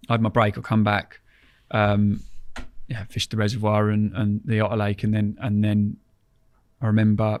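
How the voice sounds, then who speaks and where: Low-pitched man. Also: no room sound, studio quality. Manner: informal, colloquial, rambling. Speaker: podcast guest, angler. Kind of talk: casual anecdotal storytelling.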